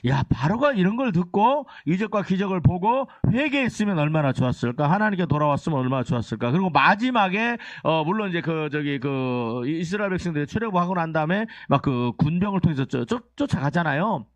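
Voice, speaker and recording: A man's voice: on the high side, fairly quick, few pauses, no room sound, lo-fi sound. A male pastor preaching a Sunday sermon in a church, keeping the congregation engaged with questions and leading call-and-response reading. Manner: animated, keeps asking the congregation questions. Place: church sanctuary.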